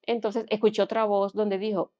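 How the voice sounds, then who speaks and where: A young woman giving an earnest personal testimony as a podcast guest, often dropping to a hushed tone. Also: medium pitch, flat delivery, moderate pace.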